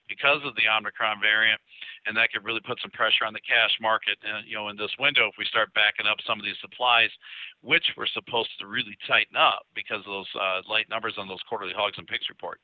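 Fast-talking man on a tinny phone line. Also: on the low side, dry recording. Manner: quick, steady delivery with frequent fillers. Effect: heard over a phone line. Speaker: market analyst guest. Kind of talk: market commentary.

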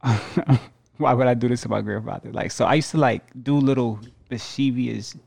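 A man's voice: mid-range voice, steady tone, normal speed, creaky, darkish tone. A man guest on a casual podcast, telling a confessional story about his past mischief.

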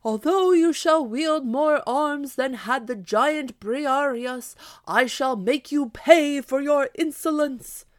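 A woman's voice: medium pitch, animated, unhurried. A woman voicing a proud, deluded older male knight-errant who speaks in grand, archaic declamations. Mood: shouting.

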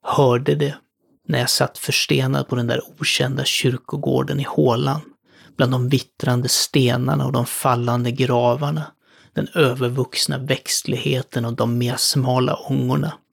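Man reading a horror story in first person, gravelly, kinda monotone, slow and solemn. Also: mid-range voice. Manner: solemn, measured. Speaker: narrator.

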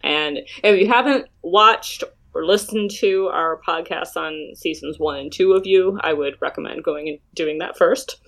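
A woman hosting a podcast in casual, chatty, animated conversation, her speech slightly slurred from a sore tongue. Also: deep voice, a little slow, hardly any pauses. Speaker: podcast host. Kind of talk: casual podcast chat about a TV series.

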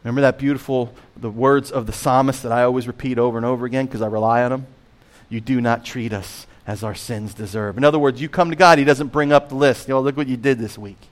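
A man preaching a sermon as pastor, emphatic, slowing on key phrases, swinging between loud and hushed, and asking the listeners direct questions. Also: mid-range voice, fairly even intonation. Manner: emphatic preaching with wide swings in loudness and slowed stressed phrases; asks the congregation direct questions.

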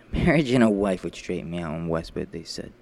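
A man playing a brooding, menacing murderer in a radio thriller, taunting and deliberate, with bitterness and sharp commands. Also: low voice, animated, gravelly. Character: menacing, brooding male murderer toying with his captive. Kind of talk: classic radio thriller acting.

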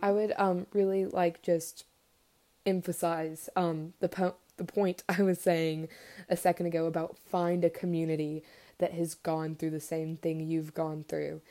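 Soft-spoken young woman, gushing and giggly. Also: fairly low pitch, little pitch movement, unhurried. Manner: gushing, lots of fillers and giggles. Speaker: podcast guest. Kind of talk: casual podcast chat.

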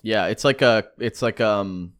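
A man co-hosting a casual podcast, rambling and animated, with lots of fillers and restarts. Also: fairly low pitch, measured pace. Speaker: podcast co-host. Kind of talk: casual chat.

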